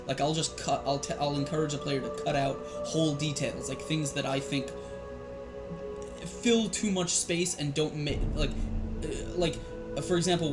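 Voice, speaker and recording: A man, a dungeon master, chatting casually on a live show, rambling with frequent restarts and fillers. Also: on the high side.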